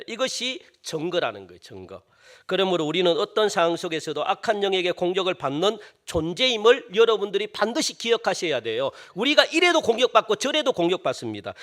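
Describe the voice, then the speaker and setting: A man preaching a sermon as pastor, animated and firing rhetorical questions at the congregation. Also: high voice.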